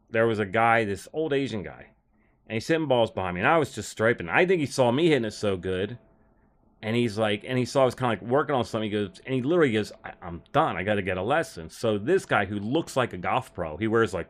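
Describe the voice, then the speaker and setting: Guy golf instructor rambling on his livestream, blunt and kinda scornful, mid pitch. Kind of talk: casual livestream chat.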